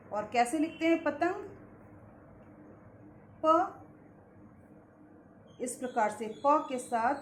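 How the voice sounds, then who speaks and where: A woman's voice: high-pitched, echoey room. A woman teaching a children's Hindi lesson, drawing out syllables and repeating key points with questions to the class. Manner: slow, drawn-out sounding of syllables and words.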